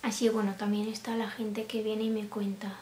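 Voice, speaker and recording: A young woman chatting casually to camera, laughing often and dropping into soft asides. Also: medium pitch, level tone, a little fast. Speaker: vlogger. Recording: roomy room with faint hiss.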